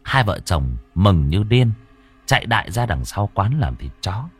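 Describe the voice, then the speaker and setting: A man narrating a ghost story in a dramatic, expressive, scripted style. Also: on the low side, unhurried, breathy edge.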